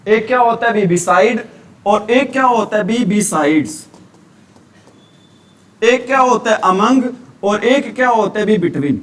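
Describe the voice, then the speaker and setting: A man from India leads a grammar revision lecture in a strikingly high voice. He keeps asking questions and answering them himself. The mic sits some distance away. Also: lively intonation, slow pace, pauses often, a bit bright. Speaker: teacher.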